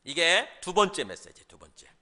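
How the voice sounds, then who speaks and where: A man's voice: on the high side, big pitch swings, normal speed, bright, forceful tone. A man preaching a sermon as senior pastor, asking the congregation questions and acting out the voices he quotes.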